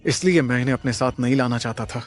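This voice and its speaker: A man's voice: mid-range voice, fast, soft background music, natural voice. A man voicing a cautious young male hero in an audio drama, calling out urgent warnings. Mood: tense.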